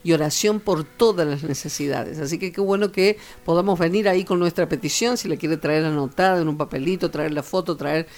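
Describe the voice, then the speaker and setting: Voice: medium pitch, a little mellow. A co-host with an Argentine Spanish accent, speaking fervently about prayer and announcing a church prayer service. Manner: fervent, reads scripture slowly and gives church announcements. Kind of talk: devotional talk with announcements.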